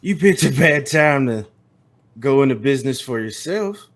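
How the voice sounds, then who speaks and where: A man voicing a menacing vampire biker who speaks in a slow, threatening drawl. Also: medium pitch, expressive, pitched above the performer's own voice, natural voice. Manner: slow drawl, calls people friend and son.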